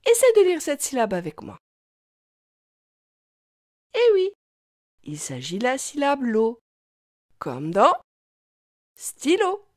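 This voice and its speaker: A woman teaching young children to read, talking slowly in an exaggerated, sing-song way. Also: on the high side, wildly swooping pitch, darkish tone, no echo, clean studio sound. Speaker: reading teacher. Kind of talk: children's reading lesson.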